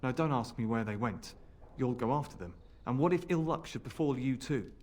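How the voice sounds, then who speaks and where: A man's voice: mid-range voice, fairly quick, darkish tone, close to an everyday voice. A man playing a worried, evasive scholar's assistant in a video game, speaking formally with earnest hesitation. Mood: anxious, discouraging. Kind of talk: video game character dialogue.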